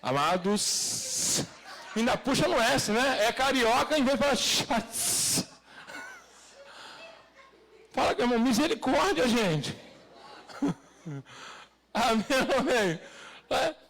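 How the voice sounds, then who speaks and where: A man's voice: extremely high pitch, expressive, a little slow, creaky, long pauses, fairly bright tone. A male pastor delivering a sermon, peppering it with rhetorical questions to the congregation and rising to emphatic, raised passages.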